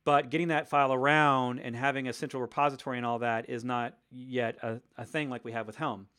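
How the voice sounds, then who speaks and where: A man's voice: medium pitch, level tone, a little fast, sharp tone. A man hosting a live question-and-answer stream, explaining enthusiastically with frequent fillers, his voice wearing out. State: losing his voice.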